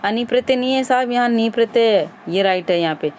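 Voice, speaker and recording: A woman's voice: fairly high pitch, fast talker, darkish tone, a little hiss or hum. A woman teacher running an exam-prep grammar lesson, quizzing viewers and repeating the answers.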